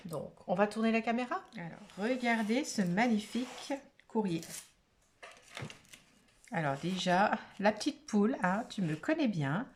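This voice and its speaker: A woman vlogger chats casually to camera while unboxing craft mail. Her voice sits at a middling pitch, and she gushes in quick exclamations with plenty of small fillers. A faint noise runs under the recording. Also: expressive. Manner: gushing, exclamatory, full of little fillers.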